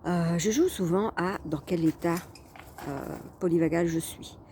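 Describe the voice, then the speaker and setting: A woman's voice: fairly low pitch, a little slow, darkish tone, a little hiss or hum. A woman coach talking casually to her viewers, chatty and hesitant, with frequent fillers and restarts. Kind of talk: casual talking-head vlog.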